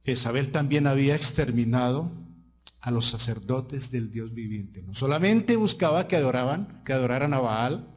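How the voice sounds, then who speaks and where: Man, Colombian Spanish accent, pastor preaching, medium-pitched voice, questions the congregation. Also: normal speed. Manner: lively storytelling preacher, asks the congregation questions. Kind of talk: sermon.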